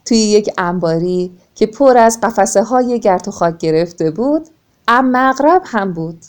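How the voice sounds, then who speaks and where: A woman narrating a children's folk tale, gentle, with soft falling phrase ends. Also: mid-range voice, lively intonation. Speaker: storyteller.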